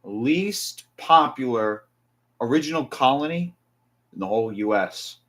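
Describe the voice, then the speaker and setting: A man's voice: medium pitch, lively intonation, unhurried, a bit bright. A man from New Jersey chatting casually on a live stream, rambling with restarts and asides while reading definitions aloud.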